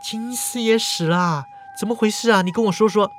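A man voicing a lively, flustered young swordswoman in a storytelling podcast, in a raised whiny voice. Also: normal speed, faint music behind. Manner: bubbly, whiny, high-pitched.

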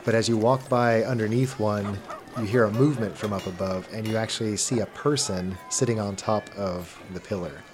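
A man's voice: fairly low pitch, fairly even intonation, normal speed, over music. A man running a tabletop game as game master, narrating scenes in an easygoing, descriptive way and laughing often.

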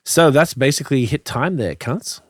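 A man's voice: mid-range voice, expressive, moderate pace, dry recording. A man hosting a podcast in casual, crude banter full of slang. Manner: crude, heavy swearing and slang. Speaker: podcast host.

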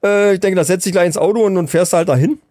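A man hosting a podcast in casual chat, telling a story with lively energy and acting out the voices of the people in it. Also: high voice, quick pace, dry recording, clean studio sound. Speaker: podcast host.

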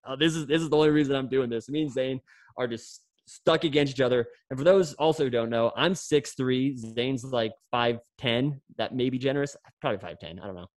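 A man's voice: medium pitch, brisk, no room sound. A young man, a former pro runner, chatting on a podcast and telling a long story with many restarts and fillers. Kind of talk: casual podcast chat.

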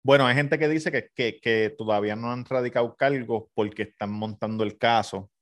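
A man with a Puerto Rican accent co-hosting a casual podcast, agreeable and quick to repeat himself in slangy talk. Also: medium pitch, steady tone. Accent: Puerto Rican Spanish. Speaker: podcast co-host. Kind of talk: casual chat.

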